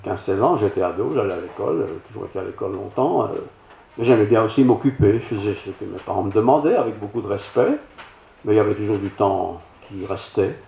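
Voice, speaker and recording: A man's voice: lowish voice, fast talker, creaky. An older man with a Belgian French accent, a pastor telling a homely, self-mocking childhood anecdote in a sermon. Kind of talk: storytelling sermon. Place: church hall. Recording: roomy, slightly dull church recording.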